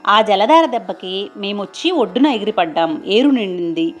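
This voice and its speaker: A foolish young disciple voiced by a woman rattles on eagerly in a radio folk tale. The voice moves in a lively, animated line at a middle pitch. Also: moderate pace, lightly acted. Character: foolish male disciple, excitable young man.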